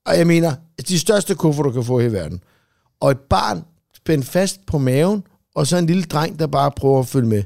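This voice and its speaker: A man with a gravelly, dark voice spins a rambling story in casual podcast chat. He swears freely and fills every gap with hesitations, and his voice sounds dry and close to the mic. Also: fairly high pitch, animated, dry recording. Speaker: podcast co-host.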